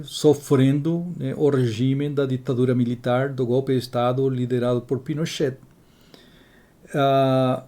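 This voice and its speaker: A man in his sixties from Chile, telling his life story as an interview guest in a measured way, often adding tag questions. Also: medium pitch, mellow. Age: 60s.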